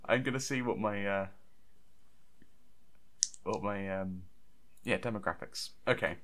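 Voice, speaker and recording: Low-voiced young man, rambling. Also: unhurried, fairly bright tone, a little hiss or hum. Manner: rambling, stop-start, laughs often. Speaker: podcast host. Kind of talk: casual chat.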